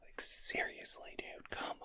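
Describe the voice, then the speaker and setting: Young guy whispering fast aggressive asmr role-play, annoyed and demanding, sharp and swooping. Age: young adult. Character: angry, exasperated man demanding the listener's attention.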